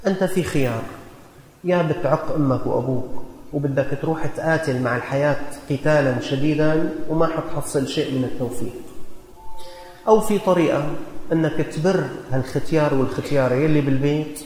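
A man with a Syrian Arabic accent preaching in a colloquial storytelling style, earnest and exhorting, slowing down to stress key lines. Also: fairly high pitch, darkish tone. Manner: earnest, exhorting, slows for emphasis. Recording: echoey hall reverb.

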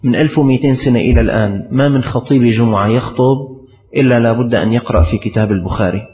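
Preacher in an echoing hall. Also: male voice, mid-range voice, rapid-fire. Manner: storytelling, repetitive emphatic phrasing. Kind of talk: sermon. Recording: hall reverb, dull lo-fi sound.

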